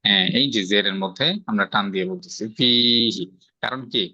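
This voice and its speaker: Speaking briskly in a lowish, sharp voice, a man with a Bangladeshi Bengali accent guides a student through Quran recitation rules. The patient tajweed lesson moves step by step, and he quizzes the student, checking comprehension with rhetorical questions. There's no room sound, and the audio is dry, lo-fi and a bit dull.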